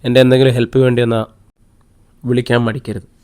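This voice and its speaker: A kind woman doctor with a calm, reassuring manner, played by a male audiobook reader. She speaks at a plain mid pitch. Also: quick pace, close to an everyday voice.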